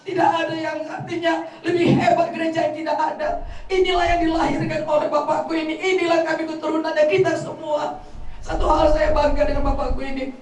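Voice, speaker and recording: A woman's voice: high voice, little pitch movement, fairly quick, a little mellow, slight background noise. A middle-aged woman gives a eulogy at a funeral gathering, telling heartfelt family stories and quoting her relatives. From North Sumatra. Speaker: daughter giving a eulogy. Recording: echoey room, voice from far off the mic.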